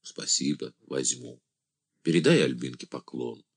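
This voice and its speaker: Man voicing a quiet guarded young man. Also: measured pace, creaky, husky, full character voice. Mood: subdued. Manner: low, quiet and restrained. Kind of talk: audiobook character voice.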